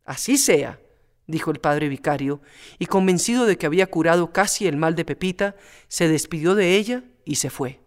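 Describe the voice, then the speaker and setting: High-voiced man narrating a storybook. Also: brisk.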